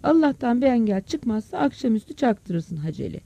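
A narrator voicing a calm elderly village imam who speaks slowly and in a measured way in an audiobook story. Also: mid-range voice, gravelly, husky, no room sound, pitched above the performer's own voice, exaggerated voice. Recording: dull, dry close recording.

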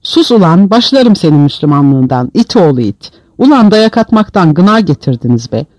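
A man voicing a brutal male prison commander who shouts insults at inmates. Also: fairly high pitch, sing-song, a little fast, no room sound. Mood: furious.

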